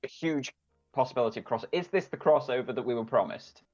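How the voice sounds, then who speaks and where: A man's voice: medium pitch, fast, darkish tone, soft background music. Blunt jokey male co-host, dull mic. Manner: blunt, jokey, mock-indignant banter. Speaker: podcast co-host. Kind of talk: casual gaming podcast chat.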